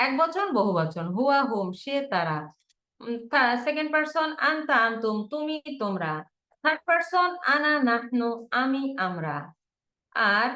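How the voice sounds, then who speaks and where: Woman teacher, fairly high voice, roomy echo, patient repetition drills. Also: fairly bright tone. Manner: repeats words slowly in drills, stretching recited Arabic. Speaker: Quranic Arabic teacher. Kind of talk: online lesson.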